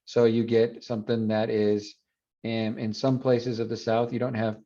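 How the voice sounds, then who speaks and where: In a muffled recording, a male university teacher of Spanish phonetics lectures bilingually on sound changes, mixing in English asides and frequent fillers. He speaks slowly in a mellow, medium-pitched voice with little movement in pitch.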